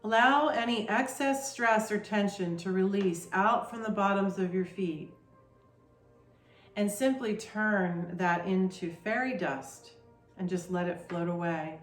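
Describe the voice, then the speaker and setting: A woman guides a meditation in a gentle, soothing voice at a very slow, unhurried pace. Her voice sits at an ordinary middle pitch. It carries a roomy echo, with soft music faintly underneath.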